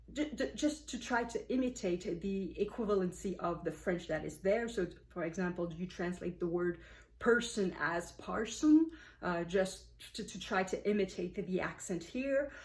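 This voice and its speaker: A woman's voice: on the low side, measured pace, darkish tone. Female book vlogger, casual review talk, explanatory, lots of fillers. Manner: thoughtful, explanatory, frequent uh and um fillers.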